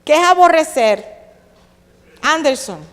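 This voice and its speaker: A woman pastor with a Caribbean Spanish accent preaches a sermon in a high voice, slow and with lively intonation. She questions her congregation and slips into sarcastic quoted voices, all carried on a long hall reverb.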